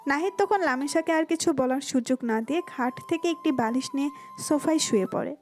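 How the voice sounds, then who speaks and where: A woman with a Bengali accent giving smooth, even scripted narration of a romantic audio story. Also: high voice, fairly quick, soft background music.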